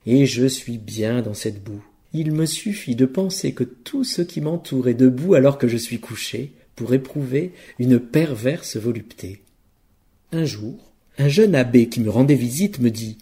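A man delivering an absurd comic monologue full of puns in a deadpan way. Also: slightly rough. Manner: deadpan wordplay delivery, lively pitch.

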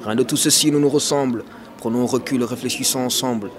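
A man, a student and slam poet, reciting a poem in a steady, solemn way. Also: medium pitch, fairly quick. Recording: outdoor crowd chatter behind.

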